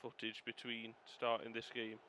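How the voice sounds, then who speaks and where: A man's voice: medium pitch, moderate pace. A man casually commenting on his own football video game match, calling the play like a commentator and swearing when things go wrong. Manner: calls the play like a commentator, excitable on goals, swears when frustrated. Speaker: gaming video host.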